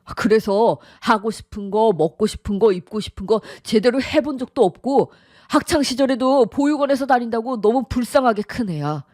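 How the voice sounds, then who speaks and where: An earnest young man who pleads and pushes back, voiced by a synthetic voice. The delivery is steady, and the sound is close and dry. It carries the clean feel of a studio audio drama. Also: very high-pitched, moderate pace, no room sound. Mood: pleading. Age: young adult. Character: earnest young man defending his fiancée. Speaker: son in love.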